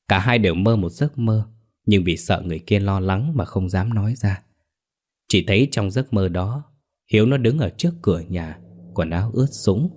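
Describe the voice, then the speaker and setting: A man narrating a ghost story in a steady, measured way. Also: deep voice.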